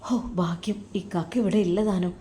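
A woman voicing a caring teenage younger sister who talks in a quick, pleading, coaxing way. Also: fairly low pitch, fairly even intonation, warm tone, close to an everyday voice. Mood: eager.

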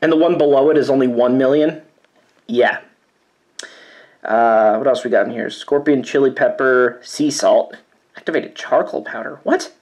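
A man's voice: mid-range voice, moderate pace, a little mellow. A man doing a spicy chip challenge on his vlog, nervous and sighing as he reads the warnings aloud with wry asides. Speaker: YouTuber doing a food challenge. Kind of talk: casual vlog commentary.

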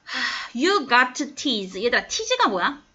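A woman teaching an English passage speaks very slowly and with great animation, her high, bright voice slightly rough. She coaxes the class and keeps asking whether they understand, all captured in dull, lo-fi classroom sound.

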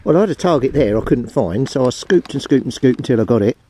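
A man's voice: mid-range voice, animated, fast talker. A man casually narrating his metal detecting on a beach, chatting and rambling to a head-mounted camera outdoors. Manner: chatty, rambling, talks to camera while digging. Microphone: head-mounted action camera. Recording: wind-buffeted outdoor action-camera audio. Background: wind and sea noise.

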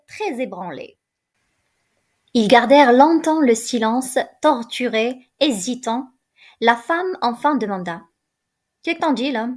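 High-voiced woman reading a story. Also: a little mellow. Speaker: reader. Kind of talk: reading a literary story aloud.

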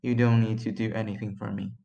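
A calm, mysterious police chief speaks softly and evenly, read by a teenage boy. His lines come out quiet and understated, as in a storybook read-aloud. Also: fairly low pitch, quick pace, gravelly, highs cut off.

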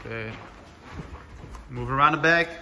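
A man's voice: medium pitch, takes it slowly. A man working as a kickboxing coach, giving short, commanding, encouraging cues and countdowns to a class. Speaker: kickboxing coach leading a heavy bag class. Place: indoor kickboxing gym with mats and mirrors. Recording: echoey gym with clear background noise, clicks.

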